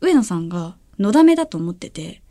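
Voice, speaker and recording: A woman's voice: fairly low pitch, big pitch swings, quick pace, warm tone. A woman in her twenties from Hyogo, a guest actress chatting in a friendly, polite, giggly way. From Hyogo, Japan. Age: 20s. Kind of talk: casual interview chat.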